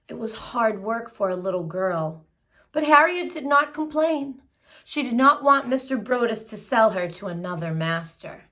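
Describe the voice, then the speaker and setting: A woman with a mid-range, slightly bright voice reads a children's picture book aloud. She phrases it expressively and adds simple explanatory asides for young listeners.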